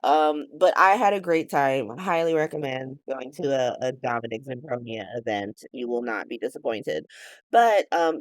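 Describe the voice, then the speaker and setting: A woman in her late thirties hosting a podcast, chatting casually in a rambling, animated way that is full of swearing and laughs, and sounding tired. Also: a bass voice, dry recording. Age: 30s. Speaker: podcast host. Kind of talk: casual chat recap.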